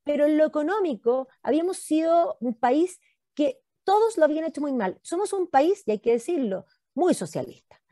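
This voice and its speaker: A Chilean woman historian giving an animated talk, emphatic and insistent, repeating words for effect. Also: high voice, moderate pace, no room sound, studio quality.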